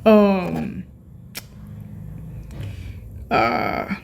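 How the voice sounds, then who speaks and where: A video creator hosts a casual, unscripted on-screen walkthrough in a lowish, very animated voice, drawing out her words. She's hesitant, often repeating and correcting herself, and clears her throat frequently; a faint hiss or hum sits under the audio.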